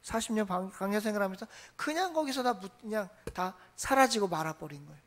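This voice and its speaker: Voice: mid-range voice, expressive, fairly quick, a bit bright. A pastor giving a Sunday morning sermon in a church, repeating phrases and asking the congregation rhetorical questions. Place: church sanctuary.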